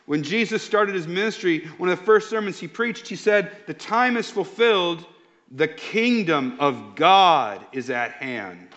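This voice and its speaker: A male pastor preaches with a slightly raised pitch, speaking slowly and emphatically. His words come in measured phrases. The recording sounds dull and lo-fi. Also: expressive, fairly bright tone. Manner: emphatic, slow and deliberate. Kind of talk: sermon.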